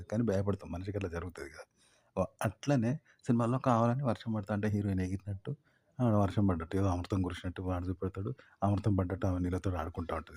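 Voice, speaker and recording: A man's voice: fairly low pitch, warm tone, slightly rough. A man explaining ideas in a casual, rambling monologue, repeating his points through everyday examples. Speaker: YouTube commentator.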